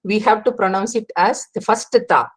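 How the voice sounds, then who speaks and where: A woman, explaining devotional texts in a class, pausing and restarting as she goes. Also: medium pitch, fairly even intonation. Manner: explanatory, with frequent pauses and restarts. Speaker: religious teacher.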